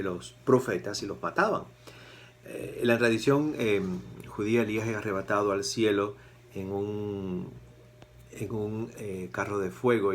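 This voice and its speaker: A priest giving a conversational sermon, acting out quoted voices with animated swings. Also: male voice, low-pitched, slight background noise.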